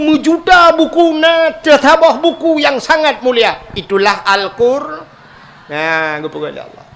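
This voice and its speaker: A man with an Acehnese accent delivers a sermon in a strikingly high voice. He hits key words hard with sudden upward leaps, then lets his phrases sink low and quiet. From Aceh, Indonesia. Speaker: preacher.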